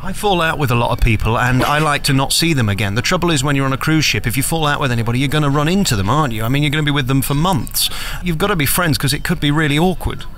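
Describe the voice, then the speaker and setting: British man, quick talker, cheeky interviewer, casual and chatty, faint ambient noise behind. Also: a little high, fairly bright tone. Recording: noticeable background ambience noise.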